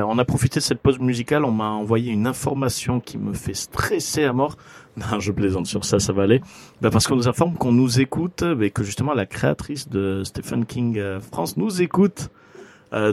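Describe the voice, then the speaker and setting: A man hosting a casual radio show about films, talking with many fillers and light jokes. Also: mid-range voice. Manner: hesitant, full of fillers, joking.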